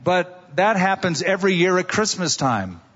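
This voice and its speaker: A pastor delivering a sermon at a pulpit microphone, telling stories in a conversational way and asking rhetorical questions. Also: male voice, high voice, big pitch swings, moderate pace, fairly bright tone, breathy edge, in a large hall, highs cut off.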